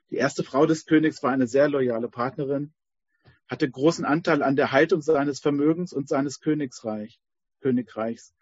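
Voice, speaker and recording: A man's voice: medium pitch, darkish tone, breathy edge, no room sound. A man leading a course who tells a parable in a hesitant way, with many fillers, on a dull, dry lo-fi recording. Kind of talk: spoken talk with a told parable.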